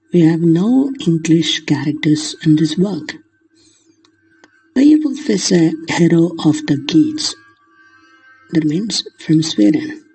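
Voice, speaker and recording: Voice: mid-range voice, warm tone, slightly rough, rough recording. A lecturer explaining literature in the manner of a lesson, glossing terms in simple words along the way.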